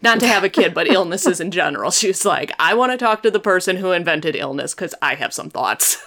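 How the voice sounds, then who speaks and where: A woman's voice: fairly low pitch, animated, normal speed, fairly bright tone. A woman hosting a podcast in a casual, conversational way, telling stories with animation. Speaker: podcast host.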